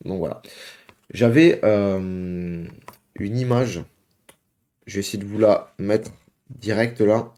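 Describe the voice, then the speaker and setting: A young man talks casually into the mic from his home, reacting for his viewers. His voice sits fairly low and sounds dark and mellow. He rambles along with frequent hesitations and filler words, calling his audience "guys.". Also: takes it slowly, long pauses. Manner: chatty, many hesitations, addresses viewers as "guys". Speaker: video reaction host.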